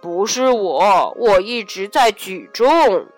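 A woman voicing a big, grumpy elephant who speaks in a huffy, heavy, slow way in a children's story. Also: mid-range voice, lively intonation, faint music behind, pitched below the performer's own voice.

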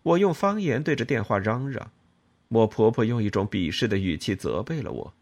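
A man narrating a novel aloud in an expressive, dramatic reading. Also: fairly low pitch, normal speed. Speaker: audiobook reader.

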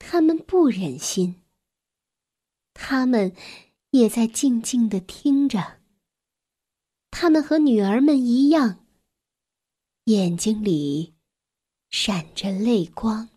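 A woman narrating a bedtime story for children in a gentle, soft way, sometimes dropping to a whisper. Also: on the high side, animated, slow pace, long pauses, husky.

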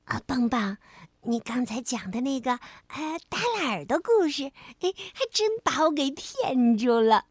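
女声扮演的淘气青蛙, 慌张口吃, 语速慢, 干声, 童话故事. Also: female voice, sits high, measured pace, no echo, clean studio sound. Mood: thoughtful. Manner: stammering, giggly, lively. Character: cheeky little frog, quick to fluster. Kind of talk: children's storybook reading.

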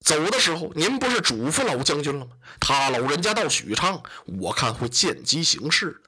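A storyteller voicing a loyal, steady lieutenant who speaks in a deep, measured, reassuring way, in a traditional storytelling performance. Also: breathy edge, exaggerated voice.

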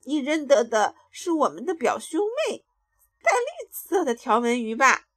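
A woman's voice: high voice, very animated, unhurried, no room sound, clean studio sound. A woman voicing a helpful red striped fish in a children's storybook, mumbling a little. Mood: obliging. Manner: mumbling, obliging.

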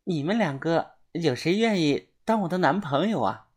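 A world-weary young woman who tells hard things plainly, voiced by a woman reading the story. The tone is wry and matter-of-fact. Her voice is low and breathy. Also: lively intonation, moderate pace, a little mellow.

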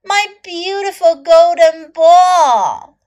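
A woman's voice: extremely high pitch, animated, extremely slow, darkish tone, voice pushed up, heavily acted. A woman voicing a spoiled young princess in a storybook, speaking in an emphatic, exclaiming way. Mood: dismayed.

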